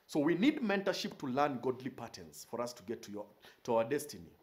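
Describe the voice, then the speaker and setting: A man's voice: medium pitch, big pitch swings, brisk. A man in his forties, a pastor standing in a small studio, preaching a recorded sermon with emphasis and repeating his key phrases. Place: indoor studio with purple curtain backdrop.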